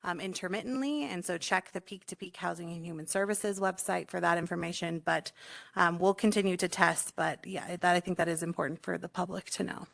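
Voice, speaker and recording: A woman on town staff giving a brisk, informative report at a public meeting. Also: on the low side, fairly even intonation, vocal fry, a bit bright.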